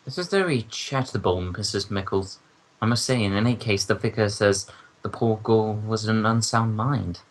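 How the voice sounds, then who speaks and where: An actor playing a stuffy gentleman doctor, a detective's loyal companion, in an old-time radio drama with a proper, grumbling manner. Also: on the low side, normal speed, a little hiss or hum, natural voice. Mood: genial, proper.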